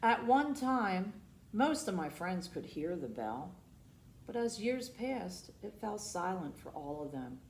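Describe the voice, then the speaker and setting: Reading aloud as a storytime host, this woman sits on the low side and performs a children's picture book with lots of drama and expression. She pauses for asides and questions aimed at her little listeners, in an echoey room with noticeable background noise.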